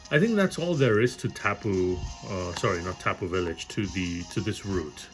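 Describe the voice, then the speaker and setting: A man's voice: sits low, lively intonation, normal speed, low-quality recording. Casual swearing gamer man. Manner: casual, swears freely, self-deprecating. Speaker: gaming YouTuber. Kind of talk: let's play commentary. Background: game music.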